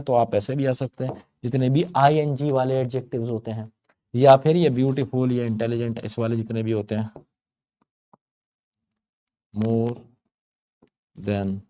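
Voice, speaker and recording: A man explains English grammar to learners, telling it like a chatty story and playfully drawing out words to drive his point home. His voice sits at a medium pitch with fairly even intonation, moves a little fast, and has a warm tone.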